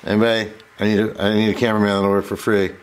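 Speaking very fast in a fairly low voice, a man leads a casual repair tutorial from an indoor workbench, wandering off track and interrupting himself. The recording carries noticeable steady background noise.

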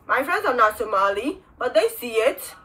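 A young woman from Kenya speaks straight to camera with a high, bright voice. She talks earnestly and frankly, as if telling a true story to her viewers, in a small indoor room close to the camera. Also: very animated, moderate pace, rough recording. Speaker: vlogger. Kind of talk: direct-to-camera commentary.

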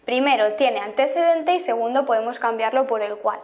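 A woman's voice: fairly high pitch, lively intonation, darkish tone. Woman teacher explaining grammar, dull sound. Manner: explanatory, repeats example sentences slowly. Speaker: language teacher.

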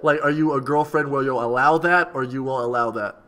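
A man in his twenties hosting a livestream in casual, slangy, excitable frat-bro talk, peppered with bro, yo and dude. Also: medium pitch, a little fast. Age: 20s. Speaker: livestream host. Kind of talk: casual livestream chat with a guest. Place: indoor room, streaming setup.

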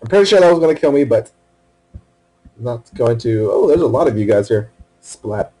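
A man playing a video game alone in a room at his computer, wearing headphones, talking to himself with casual commentary, swearing and bursting into sudden excitement. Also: mid-range voice, normal speed, slightly rough, rough recording. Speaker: let's play gamer.

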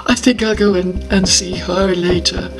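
A woman playing a fretful grieving mother, emotional and prone to shrill outbursts, over background music. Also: fairly even intonation, moderate pace, natural voice. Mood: distressed. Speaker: improv actor.

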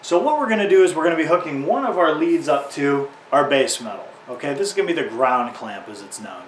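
The welding instructor, a man in his thirties, talks quickly in a fairly high, expressive voice while giving a plain-spoken how-to beside a tractor in a garage or workshop. He leans on simple analogies to explain. A distant mic makes the audio roomy, with faint noise behind him.

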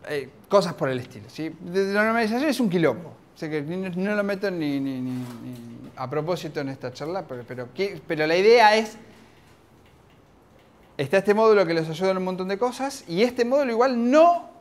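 A man with an Argentine accent giving an informal, lively technical talk at a conference, often restarting his sentences. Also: high-pitched, moderate pace. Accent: Argentine Spanish. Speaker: conference speaker. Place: conference room.

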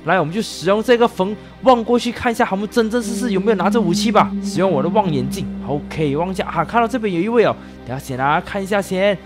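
A young man narrating his game roleplay as a cop, excitable and full of exclamations. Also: high voice, fast talker, hardly any pauses, over music. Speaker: gaming youtuber.

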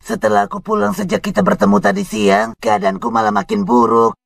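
Casting: gentle cartoon robot cat, gravelly, lively voice, music behind. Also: mid-range voice, a little fast, full character voice. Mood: weak, distressed. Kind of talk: animated cartoon dub.

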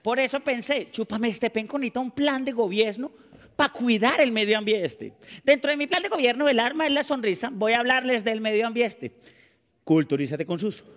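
A Colombian man with a Paisa accent doing a stand-up comedy monologue on a TV stage, animated and mugging as he banters with the audience. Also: sits high, in a large hall. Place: TV studio stage before a live audience.

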